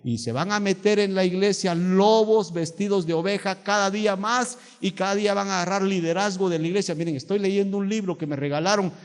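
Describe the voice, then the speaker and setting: Guatemalan pastor preaching with hall reverb. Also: male voice, high voice, brisk, few pauses, smooth. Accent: Guatemalan Spanish. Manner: storytelling preacher acting out quoted voices. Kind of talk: sermon. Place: church sanctuary.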